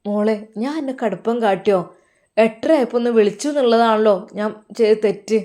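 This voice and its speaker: A woman's voice: fairly high pitch, brisk, warm tone, natural voice. A woman voicing a stern older mother-in-law who lectures and scolds in a Malappuram Malayalam accent. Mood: scolding.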